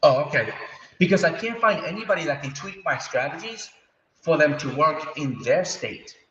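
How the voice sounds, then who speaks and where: A man's voice: on the high side, expressive, moderate pace, fairly bright tone. A man co-hosting a casual trading live stream, his voice echoing as if in a tunnel, explaining in a loose, rambling way. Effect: echoing, tunnel-like sound. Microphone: distant mic before putting on a headset. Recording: echoey, distant, dull mic sound.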